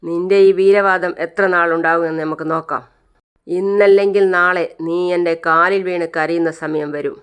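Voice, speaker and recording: The narrator voicing a scheming man who taunts and threatens, in a clear voice. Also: on the high side, steady tone, normal speed, fairly bright tone, close to an everyday voice.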